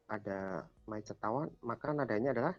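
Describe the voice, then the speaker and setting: Low-voiced man teaching an online class. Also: fairly quick, highs cut off, faint music behind. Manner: quizzes students, repeats answers patiently. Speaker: Thai language teacher.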